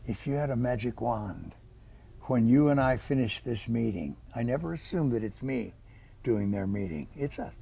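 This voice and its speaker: A man's voice: mid-range voice, expressive, moderate pace, vocal fry, mellow, husky. A man in his eighties, an author, answering interview questions with rambling, folksy stories full of quoted dialogue. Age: 80s.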